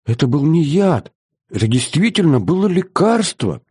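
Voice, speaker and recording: A man's voice: a little high, big pitch swings, moderate pace, warm tone, husky, no room sound, studio quality, voice pushed up, heavily acted. Man voicing a gasping, pleading old grandmother. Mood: shocked. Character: elderly grand princess, grandmother, guilty and pleading. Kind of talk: audiobook character voice.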